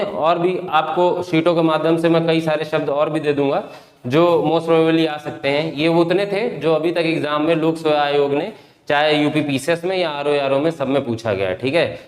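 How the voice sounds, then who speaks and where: A man teaching a spelling class for exam preparation, repeating each word, asking his students questions and calling them affectionately by pet names. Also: on the high side. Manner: addresses students fondly as beta and bhaiya. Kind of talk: exam-prep class lecture. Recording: echoey classroom with long reverb.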